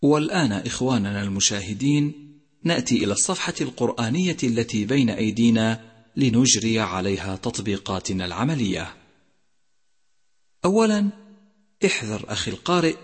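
A man teaching Quran recitation rules in a measured way, slowly drawing out each example word. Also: medium pitch, breathy edge. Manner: measured, numbered points, slowly drawn-out example words. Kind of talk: instructional lesson. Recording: long hall reverb.

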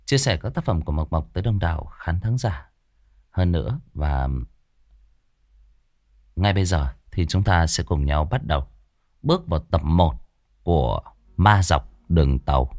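Chatty low-voiced male story host. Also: expressive, a little slow, pauses often, a little mellow, no echo, clean studio sound. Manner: chatty, greets viewers, many fillers. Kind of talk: casual livestream intro.

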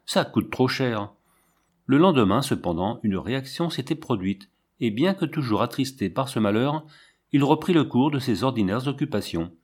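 A man narrating an audiobook in a measured, dramatic reading. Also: medium pitch, lively intonation, a little mellow, breathy edge.

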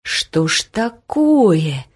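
A woman's voice: fairly low pitch, sing-song, extremely slow, breathy edge, heavily acted. A flustered, whiny young groom-to-be from a storybook reading, voiced by a woman. He frets and grumbles about every small mishap. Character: nervous, whiny young fiancé, clumsy and fussing.

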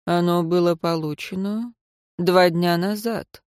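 A woman voicing a stern male royal councillor in an audiobook, questioning his subordinate slowly and coldly. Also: fairly low pitch, fairly even intonation, darkish tone, clear, resonant tone, no room sound, clean studio sound, natural voice. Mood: coldly interrogating. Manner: slow, cold, interrogating.

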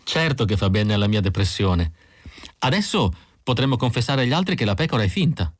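A man voicing an excited, affectionate young wife in an audiobook reading. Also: lowish voice, a little fast, no room sound, clean studio sound. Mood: eager.

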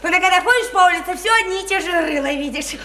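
In an exaggerated, extremely high, sharp voice and at very fast speed, an actress performs stage-style radio drama as a naive, sickly small-town woman. The character is chatty and artless, rambling on in simple, insistent folksy speech. The recording has a roomy echo and faint noise.

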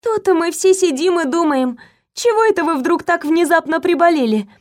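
Woman doing a chirpy high-voiced young maid. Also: expressive. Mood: fussy alarm. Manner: rapid chattering. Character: chirpy young female maid, fussy and kind.

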